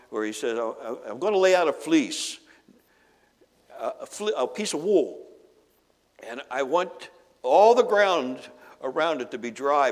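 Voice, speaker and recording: A pastor preaching a sermon to his congregation, retelling a Bible story with animated, acted-out dialogue. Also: medium pitch. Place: church sanctuary. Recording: long reverb of a large hall.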